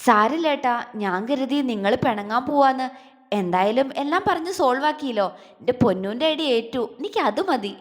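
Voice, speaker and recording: A woman's voice: high-pitched, lively intonation. A woman voicing a sweet young wife who gushes on in a rush. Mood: gushing. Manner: gushing, rushed. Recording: long hall reverb.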